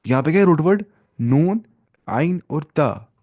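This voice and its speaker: A man's voice: fairly high pitch, expressive, unhurried, a little mellow. A young man teaching an Arabic grammar class to students, explaining each step, asking questions and mixing in English terms.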